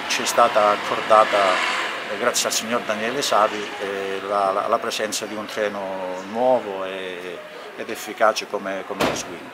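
A man in his sixties giving an unscripted spoken statement outdoors, hesitantly searching for words and repeating himself. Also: lowish voice. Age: 60s. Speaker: promoter of rail trips, spokesman. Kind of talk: unscripted on-camera interview statement. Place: outdoors at a railway station entrance. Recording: faint outdoor station background noise.

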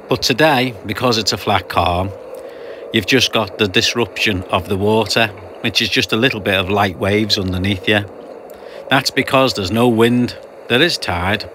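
A man with a somewhat low voice talks through a sailing passage in a relaxed voice-over. He explains things patiently and slips in dry jokes. A clear, steady hiss runs under the recording. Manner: chatty, explanatory, dry humour. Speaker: sailing vlogger narrating a passage.

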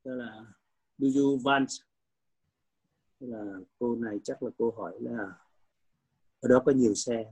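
Older Vietnamese-accented male student, slow and halting drill reader. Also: mid-range voice, steady tone, a little mellow, rough recording. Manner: halting, repeats words slowly. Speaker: adult English learner. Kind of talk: English pronunciation practice.

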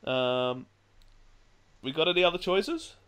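A man's voice: a little high, animated, unhurried, a bit bright, clean tone. A man hosting a casual podcast panel, steering the votes and laughing often. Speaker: podcast host.

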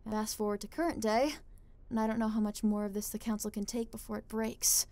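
A woman voicing Chikaru, a composed student council girl, calmly explaining in an amateur anime fan dub. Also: medium pitch, a little fast, lightly acted.

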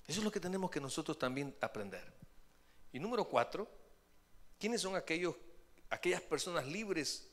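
A man, a pastor preaching a sermon and acting out a story with the voices of the people in it. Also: medium pitch. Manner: lively storyteller voicing the people in his story. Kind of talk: sermon with acted-out anecdote.

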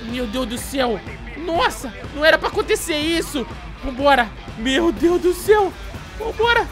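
A man's voice: very high voice, sing-song, normal speed, fairly bright tone, soft background music, some chatter behind. A man playing a runaway kid in a game role-play, frantic and exclamatory.

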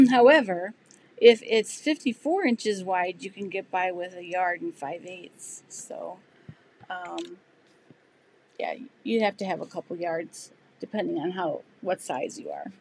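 A woman's voice: lowish voice, lively intonation, measured pace, gravelly, darkish tone, a little hiss or hum. Middle-aged woman host, easygoing live-stream chatter with viewers, lots of ums and restarts. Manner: chatty, loose, many fillers and restarts. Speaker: sewing channel host. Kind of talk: live stream chat answering viewer comments.

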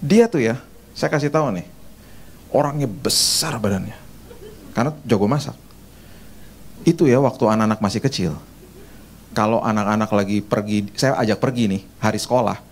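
A man's voice: lowish voice, normal speed, long pauses, a little hiss or hum. A middle-aged man preaching in a church service, telling chatty, jokey anecdotes. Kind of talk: humorous sermon storytelling.

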